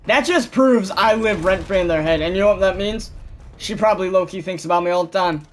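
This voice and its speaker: Animated young man, swearing storyteller. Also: sits high, brisk, a little hiss or hum. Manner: animated storytelling, swears freely, mimics others loudly. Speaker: gamer chatting with friends. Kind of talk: casual gaming voice chat.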